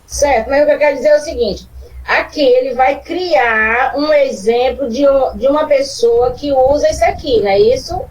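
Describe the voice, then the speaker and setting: A woman's voice: sits high, moderate pace, darkish tone, recorded from a distance, low-quality recording. A woman student asking her teacher questions in class, seeking confirmation.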